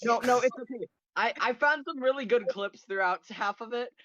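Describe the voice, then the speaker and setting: A man's voice: very high voice, normal speed, fairly bright tone, muffled recording, a little hiss or hum. Man rambling casually on a podcast. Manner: rambling, many restarts. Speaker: podcast host. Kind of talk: casual chat.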